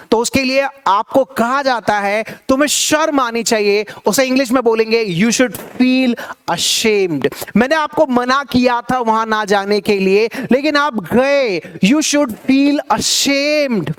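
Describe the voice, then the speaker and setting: Male English teacher, high and clear voice, slow drilled repetitions. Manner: drills phrases slowly, repeating them for learners to echo; quick conversational explanations between drills. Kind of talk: spoken English lesson.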